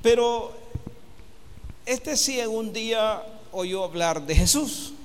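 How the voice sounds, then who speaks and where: A male preacher with a high-pitched voice delivers a fervent sermon. He swells to loud exhortations and leads the congregation in call and response. The sound rings with long reverb from a large hall. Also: lively intonation, takes it slowly, slight background noise.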